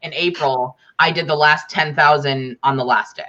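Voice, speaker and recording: A woman chatting casually in a group video chat, with quick, filler-heavy talk. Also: low-pitched, fairly even intonation, bright, forceful tone, muffled recording.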